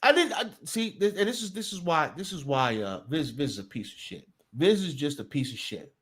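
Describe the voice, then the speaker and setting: Slightly high and a bit bright, the young man's voice is animated and brisk, carrying a Jersey accent from his New Jersey roots. On his casual live sports talk stream he swears freely, restarts sentences, and greets viewers in the chat.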